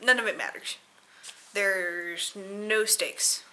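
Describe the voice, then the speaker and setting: A woman with a bright, forceful voice rants casually as if a few drinks in. She takes her time, stalling and repeating herself, swearing with exasperated sarcasm. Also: medium pitch, fairly even intonation, takes it slowly, a little hiss or hum. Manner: tipsy, loose drunken rambling. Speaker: solo vlogger reviewing a film. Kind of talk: casual spoken rant.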